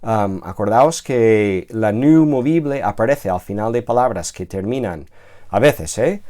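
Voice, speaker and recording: A man lecturing at an unhurried, deliberate pace. His voice is dark and mellow, and he explains patiently, pausing often on fillers and restarts, and keeps checking that his listeners follow. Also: mid-range voice. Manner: slow, hesitant explaining with many fillers and restarts. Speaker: Greek teacher. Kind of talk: recorded classroom lecture.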